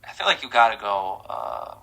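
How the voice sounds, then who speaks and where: A man from Croatia, a guest in a casual rapid-fire this-or-that interview, talking in an animated, slangy way with lots of "bro" and "like". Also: lowish voice, gravelly, low-quality recording.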